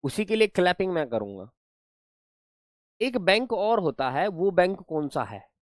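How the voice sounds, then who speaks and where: A man's voice: sits high, very animated, unhurried, no echo, clean studio sound. A young man teaching a live online class in a playful, coaxing way, repeating words for his pupils.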